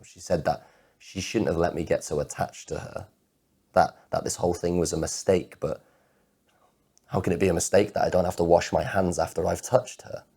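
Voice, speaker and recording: In a dramatic spoken-word poetry performance, a male actor fully voices a heartbroken, anxious character delivering a confessional monologue. His very deep, dark tone is husky and rough, and he stammers through repeated words as obsessive thoughts intrude. He sounds anguished and pleading.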